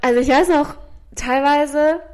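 A young woman co-hosting a podcast, sharing memories in a reflective, halting way with frequent restarts. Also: high-pitched, a little mellow. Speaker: podcast co-host. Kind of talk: casual chat.

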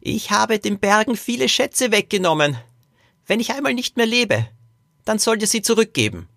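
A man voicing a gruff, secretive old great-grandfather in a high, cackling voice for a children's audio story. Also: big pitch swings, moderate pace, sharp tone, no echo, studio quality, full character voice. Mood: mysterious. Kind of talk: audiobook character voice.

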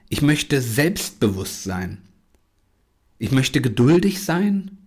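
A man's voice: medium pitch, husky. A man hosting a podcast, giving an earnest motivational monologue and repeating self-affirmations. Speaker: podcast host.

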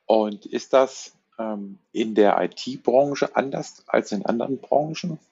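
A husky, gravelly man with a low voice hosts an interview, affirming and summing up before asking the next question. The recording sounds dull and lo-fi. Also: slow pace, mellow. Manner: affirming, asks questions and sums up. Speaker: podcast host. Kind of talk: conversational interview.

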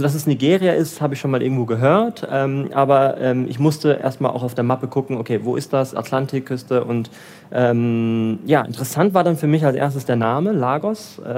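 A man's voice: mid-range voice, brisk, a little mellow. A man from Bavaria, a banker in his thirties, answering interview questions hesitantly with many fillers. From Germany, Bavaria. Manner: hesitant, many ums and restarts. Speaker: guest, banker. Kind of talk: casual interview.

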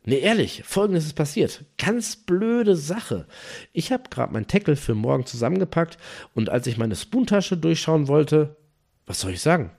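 A man's voice: on the high side, sing-song, normal speed, gravelly, darkish tone, exaggerated voice. A man voicing his flustered male fishing friend, pleading for help over the phone in a story.

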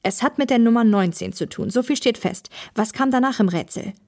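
Woman reading a short story out loud, clear storytelling, scripted narration. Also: a little high, fairly quick. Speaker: voice-over narrator.

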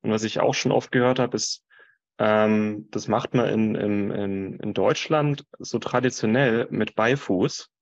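A man's voice: lowish voice, fairly even intonation, measured pace, highs cut off. A man born in Franconia to an East German family, interviewing in casual conversation and chatting with personal anecdotes.

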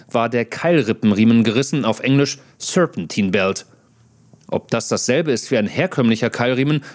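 A man in his thirties with a mid-range, darkish voice narrates his own video diary as a foreign correspondent. His humor is dry and self-mocking, full of wry asides.

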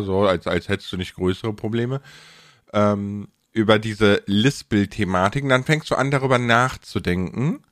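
In relaxed podcast conversation, a male host and content creator talks in a colloquial way with a lowish, slightly bright voice. His recording is dry and close-miked with no room sound, and his sibilant s sounds are a bit emphasized.

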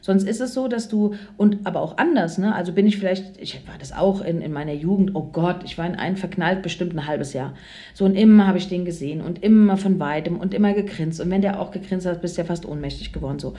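A woman's voice: lowish voice, quick pace, mellow. A woman co-hosting a podcast in casual conversation, telling personal stories with frequent tag questions. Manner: chatty storyteller, frequent "ne?" and "so" tags. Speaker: podcast co-host.

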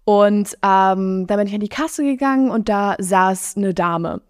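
A nineteen-year-old woman hosting her podcast, chatting in an excitable, bubbly way and mixing in English slang. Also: mid-range voice, measured pace, clear, resonant tone, no room sound, clean studio sound. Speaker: podcast host. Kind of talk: casual chat.

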